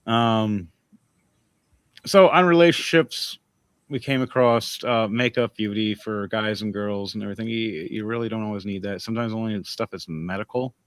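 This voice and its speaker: A man's voice: on the low side, fairly even intonation, normal speed, clear, resonant tone, dry recording. A man hosting a podcast in casual chat, rambling and giving advice. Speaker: podcast host.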